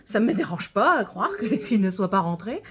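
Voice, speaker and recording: A woman's voice: medium pitch, sing-song, fairly quick, background noise. A woman with a northern French accent tinged by Gironde, chatting casually to camera about her knitting, rambling with many hesitations. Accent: northern French with a touch of Gironde. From northern France. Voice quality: rambling, full of hesitations and self-corrections. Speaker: knitting podcaster.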